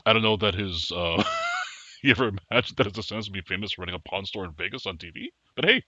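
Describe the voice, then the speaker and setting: Low-voiced guy chatting and laughing a lot, bright tone, kinda dull lo-fi sound. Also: fast, dry recording. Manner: laughs often, chatty and animated. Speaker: podcast co-host. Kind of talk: casual chat.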